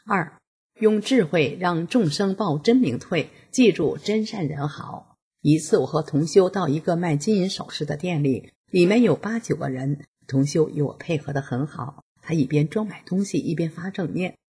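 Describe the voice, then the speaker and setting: A woman in her sixties reading a first-person story aloud in a steady, plain manner, voicing the dialogue as she goes. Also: low voice, moderate pace, breathy edge. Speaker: reader of a personal account.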